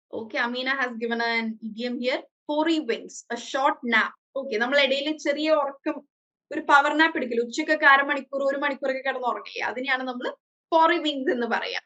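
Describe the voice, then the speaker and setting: Slow-talking Malayali woman teacher. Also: sits high, bright, forceful tone, muffled recording. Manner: switches between English and Malayalam, hesitant fillers. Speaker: English teacher. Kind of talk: online class teaching. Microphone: video call.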